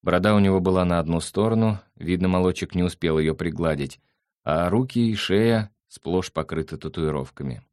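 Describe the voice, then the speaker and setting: A man narrating a novel in a measured, even storytelling manner. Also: sits low, no room sound, studio quality. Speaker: audiobook narrator. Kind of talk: scripted narration.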